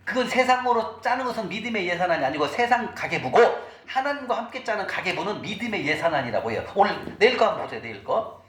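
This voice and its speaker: A man's voice: high-pitched, a bit bright. A middle-aged man giving a church finance lecture. He talks sermon-style and keeps asking the audience questions. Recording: echoey room recording with faint noise.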